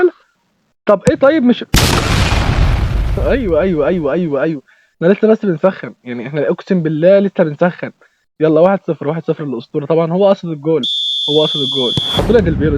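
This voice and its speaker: A young man with an Egyptian Arabic accent narrates his football game live, excitable and shouting at the play. His voice sits a little high and he talks extremely fast. Noticeable background noise runs under the recording. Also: lo-fi sound. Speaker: gaming YouTuber. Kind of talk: live gameplay commentary.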